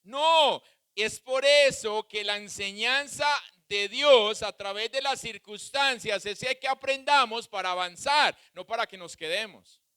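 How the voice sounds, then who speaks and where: A male pastor preaching a sermon with a Colombian Spanish accent, swinging between loud shouts and soft asides. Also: high-pitched, measured pace, clear, resonant tone, dry recording.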